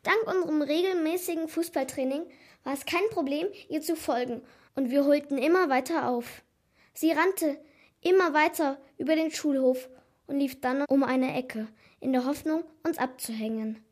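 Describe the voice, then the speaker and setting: A woman narrating a children's story in an animated, dramatic first-person telling. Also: high voice, moderate pace.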